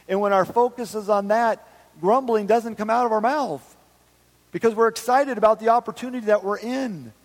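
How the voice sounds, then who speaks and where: A man preaching a sermon, swinging between loud emphasis and hushed quiet and acting out short imagined voices. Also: high-pitched, gravelly. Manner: acts out short imagined voices in his own voice. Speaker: pastor. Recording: long hall reverb.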